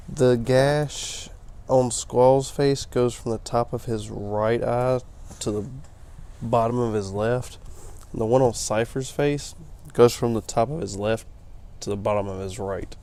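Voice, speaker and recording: A man's voice: mid-range voice, fairly even intonation, unhurried, dark tone. A tired man rambling through casual gameplay commentary, explaining things as he plays late at night. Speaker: let's play commentator.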